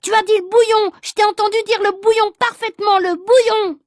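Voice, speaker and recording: Woman playing an indignant schoolboy, shouting, high voice, dry sound. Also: steady tone, brisk, no room sound. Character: indignant schoolboy, quick to accuse.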